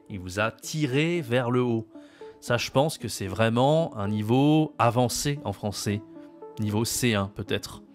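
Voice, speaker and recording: A man with a French accent explaining French usage to learners, patiently repeating key phrases slowly. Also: mid-range voice. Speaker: French teacher.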